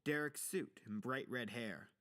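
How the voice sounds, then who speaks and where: A man narrates a scripted, dramatic story in a mid-range voice with a sharp tone, keeping a measured pace. Music featuring guitar plays under the narration.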